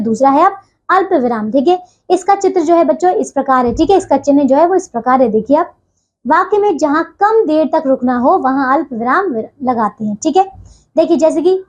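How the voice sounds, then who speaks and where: High-voiced woman teaching a class. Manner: repeats "theek hai" as a filler, addresses children warmly; reads examples slowly and deliberately. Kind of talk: classroom lesson to children. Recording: dull lo-fi sound.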